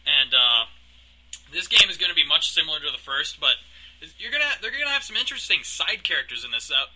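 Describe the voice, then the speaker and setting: A man's voice: a little high, big pitch swings, quick pace, background noise. A young man co-hosting a casual gaming news chat, easygoing and steering back to the news.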